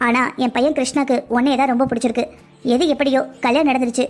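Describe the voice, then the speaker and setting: A proud, scolding middle-aged mother-in-law from a family cartoon, voiced by a woman. She talks high and fast, with sharp, sarcastic bite. Faint music plays under her. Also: fairly even intonation, natural voice. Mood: stern. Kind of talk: cartoon dubbing.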